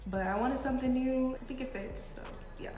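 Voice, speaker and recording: In a very echoey, reverberant room with music behind her, a young American woman chats to her vlog viewers. Her voice sits fairly high and sounds stuffed up, as if through a blocked nose from a head cold. She talks informally, peppering her sentences with "like". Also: fairly quick, mellow. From United States, partly New York City. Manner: informal, frequent "like". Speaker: video blogger. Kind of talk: casual chatty Q and A vlog.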